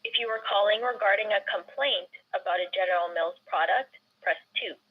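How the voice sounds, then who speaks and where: Woman, recorded phone menu message, breathy, even measured prompts, dull phone line. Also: mid-range voice. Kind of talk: automated customer service menu prompts.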